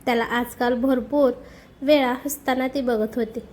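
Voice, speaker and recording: Storyteller woman, high and mellow, reads a romance with steady expression. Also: moderate pace. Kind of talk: scripted narration.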